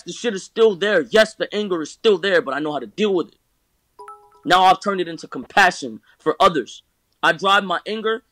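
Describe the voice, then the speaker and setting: A man's voice: high-pitched, a bit bright, dry recording. A nineteen-year-old man in candid conversation, talking emphatically and profanely, repeating himself and ending lines with "bro". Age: teens. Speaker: rapper guest.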